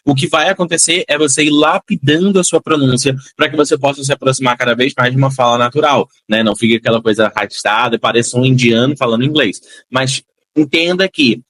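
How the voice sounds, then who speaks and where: A Brazilian man teaching English online, repeating phrases slowly to demonstrate pronunciation and encouraging his students between examples. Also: mid-range voice, a bit bright, dry recording. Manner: encouraging, motivational asides to students.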